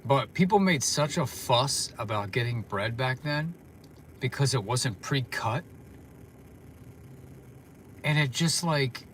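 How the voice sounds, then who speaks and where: A man's voice: medium pitch, a bit bright, a little hiss or hum. A tired man chatting casually on a livestream from his parked car, rambling with lots of fillers. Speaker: vlogger.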